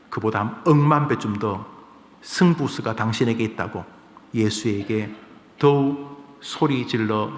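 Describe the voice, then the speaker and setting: Impassioned male pastor in an echoey church. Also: mid-range voice. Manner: impassioned preaching, swings from quiet to shouting. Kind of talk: sermon. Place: church sanctuary. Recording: echoey church hall with long reverb.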